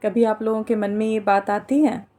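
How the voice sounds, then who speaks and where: A woman's voice: mid-range voice, flat delivery, normal speed, dark tone. A woman giving an earnest explainer monologue, defining terms and mixing in English words as she goes. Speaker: political commentator.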